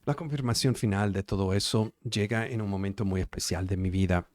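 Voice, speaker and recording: In a lowish, darkish voice with no echo, a man talks fairly quickly as he preaches over a video call. He is Italian-born and speaks Spanish with an Italian accent, emphatic and repetitive, checking whether listeners follow along.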